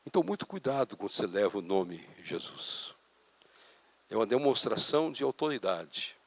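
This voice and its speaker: Delivering a sermon at a normal pace, this male pastor with a Brazilian Portuguese accent is very animated, dramatizing his stories and rising loud and high to act out scenes. There's no echo on the recording.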